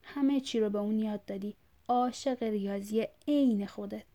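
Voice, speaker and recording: A woman's voice: mid-range voice, warm tone, lightly acted. A woman reading a story aloud, voicing a grown son who pleads patiently with his father. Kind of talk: audiobook reading.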